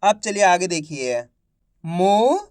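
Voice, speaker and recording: A man's voice: high voice, moderate pace, no room sound. A man teaching reading online, sounding out words syllable by syllable and repeating each one in an encouraging tone. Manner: encouraging, addresses viewers as friends.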